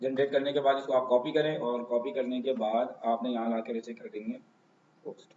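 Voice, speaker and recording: A man's voice: medium pitch, level tone, fairly quick, dark tone, slight background noise. A man giving a casual screen-share tutorial on social media marketing, talking conversationally and often checking in with his listeners. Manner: conversational, keeps saying "theek hai". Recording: roomy, dull lo-fi home recording.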